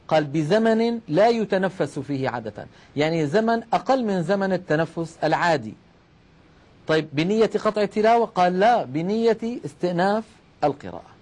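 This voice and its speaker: Middle-aged male recitation teacher, somewhat high voice, patient step-by-step lesson with rhetorical questions. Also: a little mellow. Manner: addresses listeners as brothers. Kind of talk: religious lesson on Quranic recitation.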